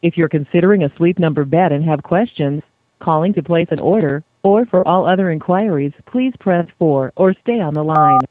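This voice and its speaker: A woman reading recorded prompts as a phone menu voice, measured and formal in a customer-service manner. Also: low voice, no echo, phone-quality sound. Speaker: automated phone menu announcer.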